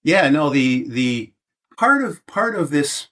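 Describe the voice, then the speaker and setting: A seventy-year-old American man is a guest in a casual interview, speaking hesitantly with many restarts and fillers. His voice is a little high and sharp, with big pitch swings, and he takes it slowly.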